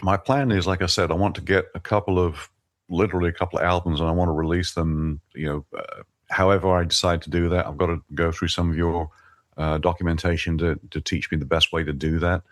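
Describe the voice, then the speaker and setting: A man's voice: low-pitched, steady tone, fairly quick, no echo, clean studio sound. An older man talking as a podcast guest, earnest and enthusiastic, often repeating a word as he starts a thought. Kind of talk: conversational interview.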